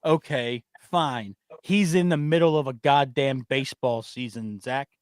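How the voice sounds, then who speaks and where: A man's voice: medium pitch, unhurried, no echo. Opinionated guy hosting sports talk, blunt, dry close sound. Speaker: host. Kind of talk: casual sports chat.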